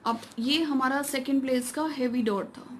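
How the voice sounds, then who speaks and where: A woman teaching shorthand step by step, mixing in English terms and reading the English rules out slowly. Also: high voice, steady tone, background noise. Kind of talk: classroom lesson explaining step by step.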